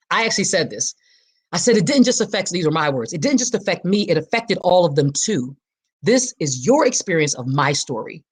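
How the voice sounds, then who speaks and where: A woman's voice: sits low, slightly rough. A woman hosting her own podcast in an impassioned, preacher-like monologue, repeating phrases for emphasis. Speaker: podcast host.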